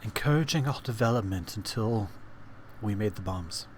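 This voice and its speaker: An exhausted elderly scientist records a diary, full of guilt, performed by a man at a game table. The weary old man voice is fairly low, halting and labored, with slight noise behind it. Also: expressive, close to an everyday voice. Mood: grave, exhausted.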